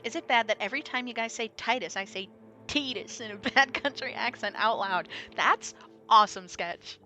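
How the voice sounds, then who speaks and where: A woman's voice: fairly high pitch, moderate pace, sharp tone, faint music behind. A young woman chatting casually while streaming a game, joking and laid-back. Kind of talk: casual chat.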